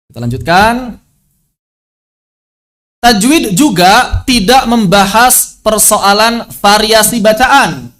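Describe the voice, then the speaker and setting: High-voiced man teaching over a video call. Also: a bit bright. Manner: repeats key phrases, mixes formal and casual speech. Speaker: religious teacher. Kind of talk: online lesson on Quran recitation.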